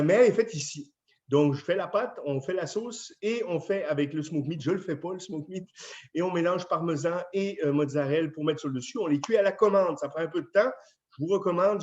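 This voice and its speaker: A chatty French-accented man gives a casual talk as a chef, stopping often on small fillers. His voice sits high for a man. The sound is dull and lo-fi. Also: a little mellow. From France. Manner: chatty, friendly, with many fillers. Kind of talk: casual address to residents.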